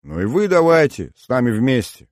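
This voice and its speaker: A man voices an eager young schoolgirl begging her friends to stay together, pitching his voice above his own but keeping it close to everyday speech. His medium-pitched delivery is sing-song, moderately paced and a little mellow, captured in a dry, studio-quality recording.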